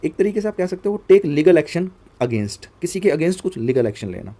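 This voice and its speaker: A young man leads a vocabulary lesson for exam students. His voice is mellow and dark in tone. He talks casually, pausing to spell words out letter by letter and asking viewers to comment. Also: on the high side, very animated. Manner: conversational, asks viewers to comment. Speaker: teacher.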